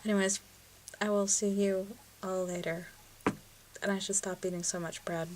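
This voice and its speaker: A young woman from Canada vlogs from home into her camera mic, chatting and making fun of herself. Her voice sits at a middling pitch, and now and then she slips into a whisper. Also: level tone, normal speed, a little mellow, slight background noise. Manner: chatty, self-mocking, drops into whispers. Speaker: vlogger. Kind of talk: casual chat.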